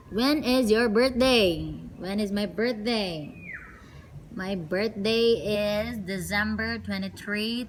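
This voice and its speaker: Young Cebuano-speaking Filipina vlogger, deep voice, unhurried and chatty, noisy room behind. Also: female voice. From Cagayan de Oro, Philippines. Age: young adult. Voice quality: deep voice for a woman. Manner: chatty and playful, mixing Tagalog and English. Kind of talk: casual vlog chat.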